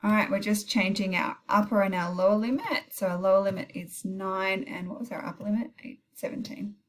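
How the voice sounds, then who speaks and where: A woman's voice: mid-range voice, steady tone, brisk. A woman teaching maths in an informal recorded tutorial, thinking aloud through calculator steps and correcting herself as she goes. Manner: thinks aloud with self-corrections and brief apologies. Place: recorded while heavy rain pours outside.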